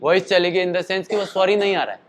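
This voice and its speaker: Running an informal voice lesson, this singing teacher talks a little fast in a slightly high voice, wandering through explanations in a chatty way. A show the night before has left his throat tired, and he pauses at intervals to demonstrate calls and sung notes.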